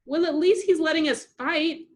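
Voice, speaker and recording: A woman voicing a sweet, gentle, soft-hearted little girl who speaks mildly. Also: high voice, moderate pace, pitched above the performer's own voice, lightly acted.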